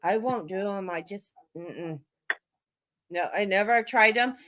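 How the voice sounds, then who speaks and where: A middle-aged woman hosting a casual group chat, telling everyday stories in an animated, frank way. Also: mid-range voice, a little slow, dry recording. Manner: chatty, animated storytelling with frank asides. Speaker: livestream host.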